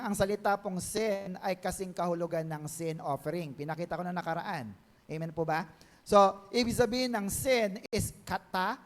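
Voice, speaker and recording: A male pastor with a Filipino accent, preaching a Bible-teaching sermon and mixing Tagalog with English. He often asks the church for an amen and draws key phrases out slowly. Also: high voice. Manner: mixes Tagalog and English, calls for amens, stretches key words slowly.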